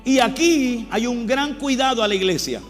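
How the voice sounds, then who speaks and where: A man's voice: very high-pitched, moderate pace. A man preaching a sermon in a church, repeating his phrases and putting questions to the congregation. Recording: reverberant hall with faint music.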